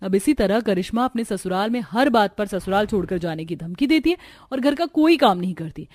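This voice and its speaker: A woman narrating a scripted animated family story in an expressive way. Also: mid-range voice, brisk, faint music behind.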